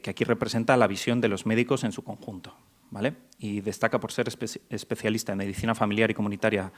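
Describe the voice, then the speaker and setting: A man from Mexico moderating a medical conference panel, introducing speakers with frequent restarts and hesitations. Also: fairly low pitch. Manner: hesitant, many restarts and fillers. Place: conference hall.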